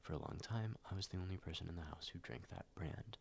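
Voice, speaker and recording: Murmuring in ASMR style, a young male YouTuber speaks slowly and softly in an extremely deep, gravelly voice, slightly stuffed up and nasal from a cold. He ums, hums and says like often, slipping into whispers as a faint hiss runs underneath.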